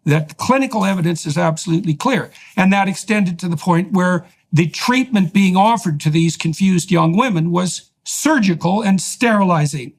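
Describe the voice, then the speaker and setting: A man hosting a heated interview, pressing his points forcefully in long, winding sentences. His voice sits a little higher than most men's. He stacks clause upon clause without letting up. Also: animated, normal speed, few pauses. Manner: emphatic, forceful arguing in long run-on sentences. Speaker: podcast host.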